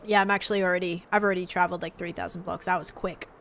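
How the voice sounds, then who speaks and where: A young woman streaming a game live, chatting casually, answering her chat and getting excited over finds. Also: fairly low pitch, racing, gravelly, a little hiss or hum.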